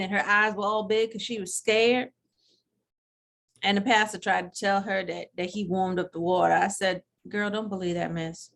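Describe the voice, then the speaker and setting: A woman's voice: mid-range voice, creaky, a bit bright. Nana Bea, a woman playing a sassy old churchgoing grandma. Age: older. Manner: chatty, rambling, with many restarts. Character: sassy elderly churchgoing grandma, gossipy and blunt. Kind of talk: comedic character monologue.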